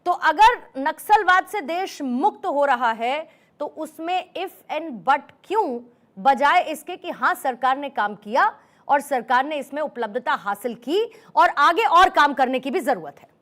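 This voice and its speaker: A woman's voice: sits high, expressive, measured pace, fairly bright tone. A woman moderating a televised political debate, asking long, pointed questions sprinkled with English words. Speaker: news debate host.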